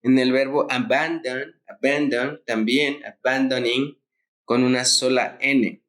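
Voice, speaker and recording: Guy teacher going over grammar rules, spells stuff out slow, repeats himself a lot. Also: mid-range voice, fairly even intonation, fairly bright tone. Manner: spells out letters, repeats key points.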